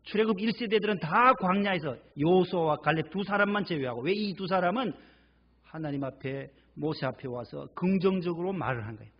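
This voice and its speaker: A man's voice: high voice, expressive, a little fast, dull audio. A male pastor delivering a church sermon with emphatic preaching, repeating key words for stress. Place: church sanctuary.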